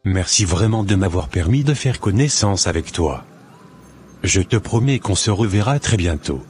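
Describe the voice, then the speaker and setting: In a cartoon drama, a man voices a devout, earnest young man who is a devoted son and in love, speaking his scripted lines low over background music. The delivery is animated and moderately paced, with a darkish tone and a smitten, earnest mood.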